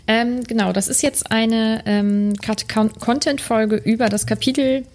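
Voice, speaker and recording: A woman's voice: on the high side, fairly even intonation, measured pace, darkish tone. Hesitant woman podcast co-host. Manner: hesitant, many fillers and laughs. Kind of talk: casual chat and reading aloud.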